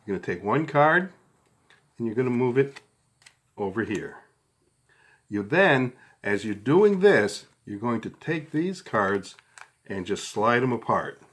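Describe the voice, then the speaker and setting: A man's voice: mid-range voice, very animated, measured pace, pauses often, a bit bright. A middle-aged man talks through a hands-on tutorial step by step in a casual, conversational way, often checking in as he goes. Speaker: card trick instructor.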